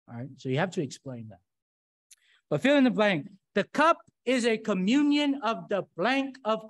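A middle-aged man teaching a Bible study from a church lectern, talking in a conversational way and often checking in with "right?" and rhetorical questions. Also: high voice. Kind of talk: classroom-style sermon with fill-in-the-blank slides. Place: church room, standing at a lectern.

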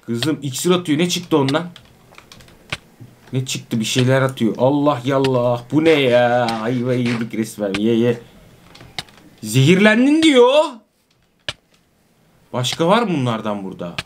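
A man hosting a gaming channel, giving excitable let's-play commentary with loud exclamations and repeated words, playfully scolding the enemies. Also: medium pitch, normal speed, a little hiss or hum.

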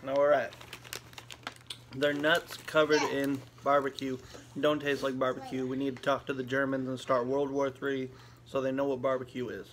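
A man's voice: medium pitch, completely flat delivery, moderate pace, a bit bright, a little hiss or hum. Man chewing while cracking crude jokes. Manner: crude, joking and blunt. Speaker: vlogger tasting snacks. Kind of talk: casual taste-test chat.

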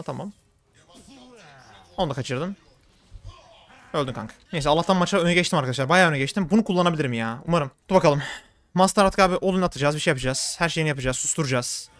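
A young man commenting on his own game as he plays, talking fast and getting worked up. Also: on the high side. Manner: rapid, excitable, swings into frustrated outbursts. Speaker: gaming streamer. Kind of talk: live gameplay commentary.

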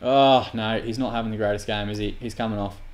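A man's voice: fairly low pitch, fairly even intonation, a little fast. A man commentating his own football manager game, prone to sweary, exasperated outbursts. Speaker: gaming YouTuber.

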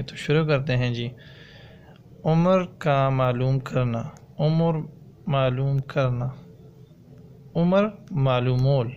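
A man teaching a language lesson, slowly repeating each word and phrase as he drills it. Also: fairly high pitch, a little mellow, lo-fi sound, a little hiss or hum. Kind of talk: slow, repetitive language lesson. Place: voice-over on a slide video.

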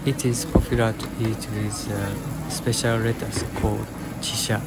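A young man vlogging in a restaurant, explaining the dishes in slow, simple, short sentences. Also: on the low side, flat delivery, loud music behind the voice, low-quality recording. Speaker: food vlogger. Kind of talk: narrating a restaurant meal. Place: yakiniku restaurant, indoors.

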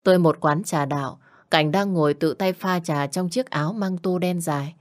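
A woman narrates a dramatic story. Her voice is deep and warm, and her reading is measured. She sits low in her range. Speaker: audiobook narrator.

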